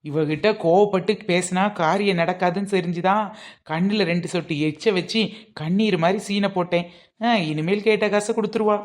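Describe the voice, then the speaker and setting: A woman's voice: lowish voice, normal speed, lightly acted. A woman playing a sly omelette seller. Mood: bargaining. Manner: teasing, mock-innocent. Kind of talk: comic skit acting.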